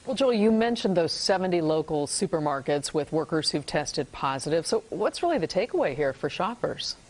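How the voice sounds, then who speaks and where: A woman anchoring a TV newscast in a studio, with a crisp, polished delivery. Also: low voice, big pitch swings, normal speed, darkish tone. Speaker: news anchor. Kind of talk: scripted news anchoring.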